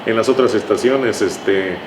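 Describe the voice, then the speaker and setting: An older Mexican man, a writer, reminisces conversationally as an interview guest. His voice is on the low side and measured in pace. The room is echoey with clear background noise.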